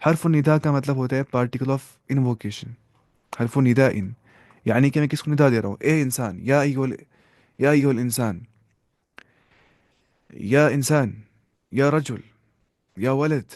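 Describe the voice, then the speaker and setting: A man's voice: mid-range voice, darkish tone, no echo. Patient male Arabic teacher, dry sound. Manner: slow drilling of phrases, repeats and asks the listener. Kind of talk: grammar lesson, mixing Urdu, Arabic and English.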